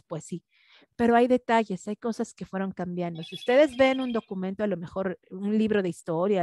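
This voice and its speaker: A woman's voice: on the high side, darkish tone, no room sound, clean studio sound. A woman teaching a class in a conversational way, often checking in with tag questions. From Mexico. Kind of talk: online class lecture.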